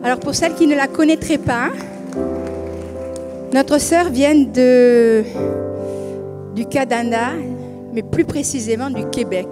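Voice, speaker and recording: Woman host introducing a guest speaker, high voice, music under her. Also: takes it slowly, pauses often. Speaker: event host. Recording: music playing behind.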